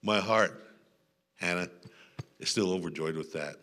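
A male guest pastor preaching a sermon in a church, leading shouted call-and-response with the congregation and often clearing his throat. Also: low voice, unhurried. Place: church sanctuary.

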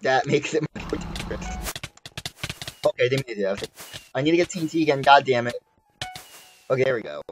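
A man's voice: mid-range voice, brisk, long pauses, soft background music, poor audio. A man giving casual gameplay commentary as a video host, rambling and joking, with frequent exclamations. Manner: rambling, jokey, exclaims often. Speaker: gaming YouTuber.

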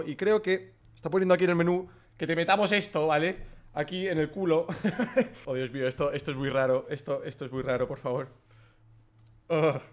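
Excitable young gaming youtuber. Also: male voice, sits high. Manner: excitable, joking, swears often. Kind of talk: casual gameplay commentary.

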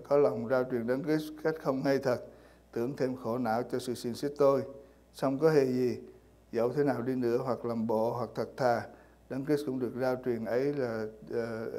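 A man preaches to his congregation in a mellow, warm voice, pausing often on fillers and repeating words as he searches for the next phrase. His delivery is unhurried and plain, the pitch sitting in an ordinary middle range. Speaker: pastor. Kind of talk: sermon. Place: church.

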